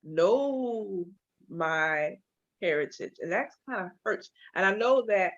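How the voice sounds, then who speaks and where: On a dull, lo-fi recording, a woman in her forties from Los Angeles speaks slowly in a mid-range voice. A hair and makeup artist appearing as an interview guest, she recounts her story openly and casually, getting animated at times.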